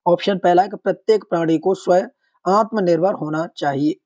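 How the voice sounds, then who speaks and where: A man giving an online exam-prep lecture, asking the class questions, answering them himself and slowly repeating the correct answer. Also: sits high, darkish tone. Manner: explains step by step, asks questions and answers them; slows down to repeat the correct form. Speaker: Hindi exam-prep teacher.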